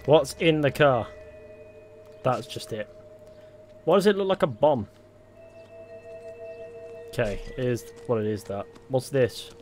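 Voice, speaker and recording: A man's voice: medium pitch, expressive, takes it slowly, long pauses, darkish tone, faint music behind. A young British man on a headset giving casual, jokey live commentary on a game and chatting with viewers. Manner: chatty, jokey, reacts to chat. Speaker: gaming streamer.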